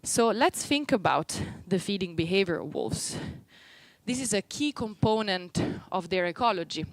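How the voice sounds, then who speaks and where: Expressive and at normal speed, this mid-range female voice comes through poor audio with no room sound. She's a young Roman postdoc with an Italian accent, presenting an informal seminar to people in the room and online, walking through ideas step by step.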